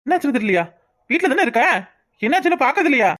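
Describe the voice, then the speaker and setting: A woman's voice: high voice, lively intonation, very fast. A woman voicing a stern village family elder in a cartoon, scolding and demanding answers.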